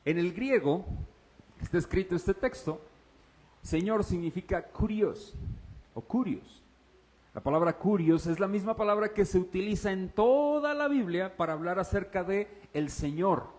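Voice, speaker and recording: High-voiced man preaching with big swings. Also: normal speed. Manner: swings between hushed low passages and raised, excited preaching; exclaims and addresses the congregation directly. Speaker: pastor. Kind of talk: sermon.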